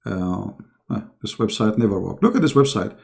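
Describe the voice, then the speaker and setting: Stream host, male, mellow dark voice gone hoarse, coughs and clears his throat a lot. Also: fairly low pitch, expressive, moderate pace. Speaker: online debate host. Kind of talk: live-stream talk to viewers.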